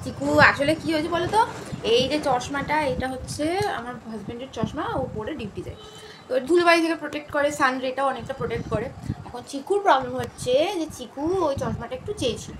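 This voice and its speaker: A woman's voice: sits high, quick pace. A young woman chatting casually to her viewers as friends in a home vlog, filmed on a phone at home. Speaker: home vlogger. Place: family home. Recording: noisy home recording.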